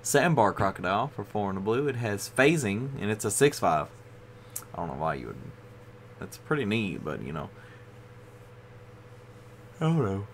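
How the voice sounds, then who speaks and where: A tired man with a lowish voice talks through a casual card review, rambling and leaning on fillers as he goes. Faint ambient sound hums underneath. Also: sing-song, moderate pace, long pauses, slight background noise. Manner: rambling, with frequent "you know" fillers. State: tired, yawning. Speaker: card game video host.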